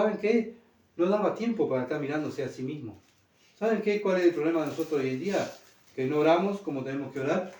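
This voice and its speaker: A man's voice: fairly high pitch, a little mellow. A man preaching a sermon as pastor, earnestly putting rhetorical questions to the congregation. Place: church hall. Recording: roomy church sound from a distant mic.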